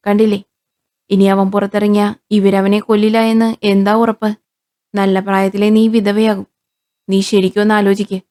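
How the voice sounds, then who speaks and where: A woman's voice: mid-range voice, dark tone, lightly acted. Woman reading a stern pushy father. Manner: lecturing, persuasive.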